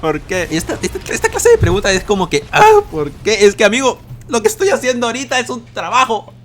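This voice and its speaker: A man's voice: very high-pitched, big pitch swings, a little fast, fairly bright tone, a little hiss or hum. A young man in his twenties answering viewer questions in a casual vlog from his bedroom, swearing often and breaking into dramatic outbursts. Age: 20s. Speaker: youtuber.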